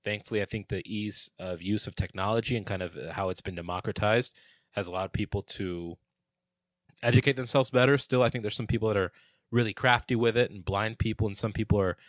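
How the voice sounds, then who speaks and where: A man's voice: fairly low pitch, fairly even intonation, fairly quick, dry recording. A man in casual chat, talking earnestly and thoughtfully, explaining his views.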